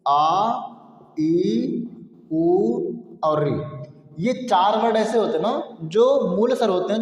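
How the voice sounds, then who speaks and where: A man teaches a grammar lesson in a high, light voice, repeating each point and posing questions he answers himself. He sounds out syllables slowly to show their difference. His voice rings around an echoey room with a long reverb tail. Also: darkish tone. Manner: repetitive, explanatory, asks and answers own questions; demonstrates sounds aloud. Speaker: Hindi teacher. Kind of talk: classroom-style grammar lesson.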